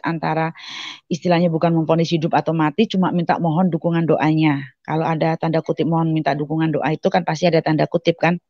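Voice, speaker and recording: Woman, testimony guest, conversational retelling with quoted dialogue; lower voice, dry lo-fi recording. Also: dry recording. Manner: animated retelling with quoted dialogue and many fillers. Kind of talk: personal testimony, casual storytelling.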